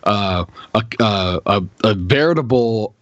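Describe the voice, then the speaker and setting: A man's voice: fairly low pitch, animated, a little slow, fairly bright tone, no echo, muffled recording. A man co-hosting a podcast, telling casual anecdotes in a hesitant, amused way. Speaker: podcast co-host. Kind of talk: casual chat.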